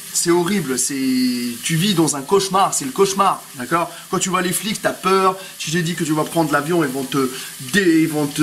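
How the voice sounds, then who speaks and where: Tunisian guy in his 30s, slangy pumped-up vlog chat while cooking, camera propped across the kitchen, loud frying noise. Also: high voice, rough recording. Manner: street slang, rambling, pumped motivational tone. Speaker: fitness vlogger. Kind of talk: casual hyped-up vlog chat. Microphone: propped camera a bit away. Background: sizzling frying pan.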